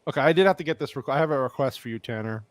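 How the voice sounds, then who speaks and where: A man co-hosts a podcast, chatting casually and joking around, rambling and swearing freely in an animated way. His voice sits in the mid-range and he talks very fast, with no room sound.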